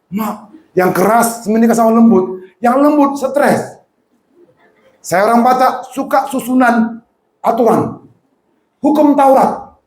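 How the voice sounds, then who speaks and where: High-voiced man preaching in an echoey church. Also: slow pace, pauses often. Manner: animated storytelling preaching, addresses congregation directly; mixes in English words. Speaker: pastor. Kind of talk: sermon. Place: church hall.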